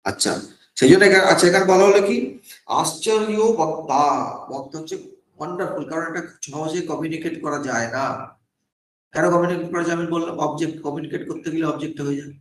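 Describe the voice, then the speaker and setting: A man's voice: a little high, fast, a little hiss or hum. A monk teaching scripture in a slightly raised voice, heard in a roomy, echoing space. He explains step by step, poses questions and answers them himself, and drops English words into his talk. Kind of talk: scripture class lecture.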